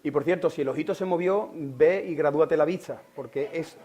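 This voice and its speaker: A Spanish man preaching a sermon with a fairly high voice. He asks the congregation questions directly and drops from forceful, raised passages to near-whispers. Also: fairly quick. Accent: Spain Spanish. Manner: swings from loud preaching to hushed whispers. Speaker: pastor.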